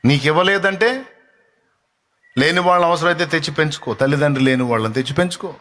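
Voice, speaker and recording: Man, preacher, fervent sermon, high voice, bright tone, repeats phrases. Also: fast talker. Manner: acts out taunting voices and rebukes them.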